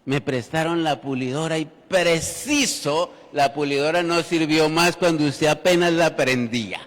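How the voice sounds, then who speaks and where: A man's voice: on the high side, unhurried. A man preaching a sermon in church, telling the story with humor and speaking directly to the congregation. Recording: reverberant church hall.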